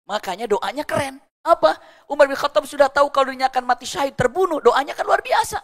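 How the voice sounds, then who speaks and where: Male preacher, lively pitch, dramatic storytelling sermon. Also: fast. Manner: animated, swings from loud exclaiming to hushed lows.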